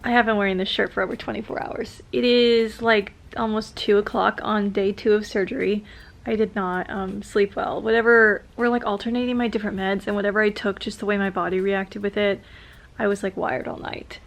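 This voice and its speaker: A woman's voice: mid-range voice, fairly even intonation, a little fast, vocal fry. A young woman chatting casually to her vlog, groggy and rambling, her mouth sore and swollen after oral surgery. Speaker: vlogger.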